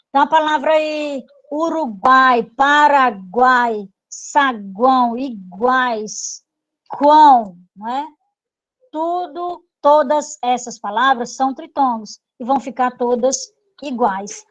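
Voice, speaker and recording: Brazilian lady teacher, high voice, goes over grammar slow and patient, keeps asking if u got it. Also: dull audio. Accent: Brazilian Portuguese. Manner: explains patiently with repeated examples and check-in questions. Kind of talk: online grammar review lesson.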